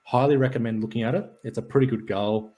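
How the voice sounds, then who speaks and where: A man's voice: medium pitch, steady tone, fast talker, dark tone. A man, co-hosting a casual podcast, running through stats and match notes with a dry, jokey delivery. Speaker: podcast co-host. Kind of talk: casual sports and wrestling chat.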